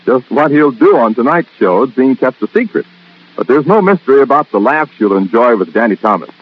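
A man pitches the evening's radio lineup with a lively, swinging delivery. His voice is slightly husky. The sound is dull and lo-fi, like an old 1940s broadcast transcription disc. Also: fairly quick. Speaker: radio network announcer. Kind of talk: promotional radio announcing.

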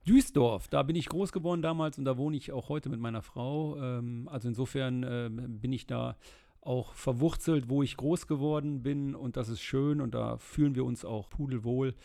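A middle-aged man from the Rhineland, answering questions in a casual interview, fluent and steady with frequent filler sounds. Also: mid-range voice, moderate pace, vocal fry. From Germany, Rhineland. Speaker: interview guest, state politician.

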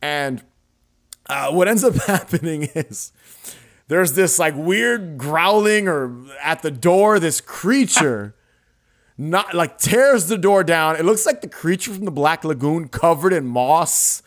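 A young adult man hosting a podcast, retelling a film scene in a casual, animated way with laughs and swearing. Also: a little high, slow. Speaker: podcast host. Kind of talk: casual chat.

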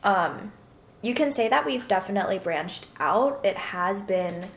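A woman's voice: mid-range voice, expressive, a little slow. Chatty young woman in a roomy space. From Hong Kong. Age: 20s. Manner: chatty, with frequent fillers. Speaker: podcast co-host. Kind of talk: casual chat. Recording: roomy echo.

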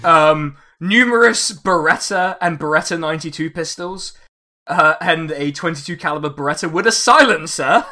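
Bright-voiced, chatty male podcast host. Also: a little high, moderate pace. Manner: laughs often, swears, chatty and wry. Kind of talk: casual history podcast chat.

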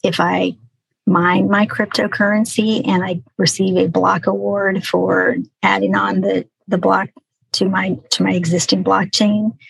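A woman's voice: medium pitch, little pitch movement, a little slow, gravelly, breathy edge, no room sound, poor audio. A woman speaking as an expert podcast guest, explaining things conversationally with examples. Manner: explanatory, uses hypothetical examples.

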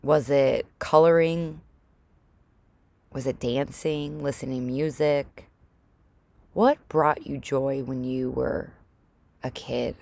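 A woman with a low voice talks slowly and casually, as if guiding a friend through a moment of reflection. She poses direct questions and leaves pauses for breathing. The sound is very dry and enclosed, recorded inside a small closet at home. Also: fairly even intonation, creaky, mellow, no room sound. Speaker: host of a personal solo recording for women and mothers. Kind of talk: casual reflective monologue, motivational.

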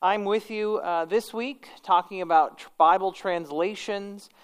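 A woman's voice: mid-range voice, measured pace, clean tone. A woman pastor with a kindly, conversational manner, teaching an informal church class and correcting herself as she goes. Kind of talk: informal religious lecture and prayer.

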